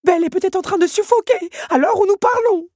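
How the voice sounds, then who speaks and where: A woman's voice: extremely high pitch, quick pace, dark tone, dry recording, clean studio sound, voice pushed up. A woman voicing a pompous, gloomy old clock who predicts disaster dramatically. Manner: grim, dramatic.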